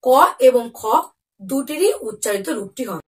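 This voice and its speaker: Recorded from a distance, a warm, animated woman with a voice on the high side leads a Bengali lesson for young children. She poses questions to her pupils and supplies the answers herself, saying every example word slowly and clearly.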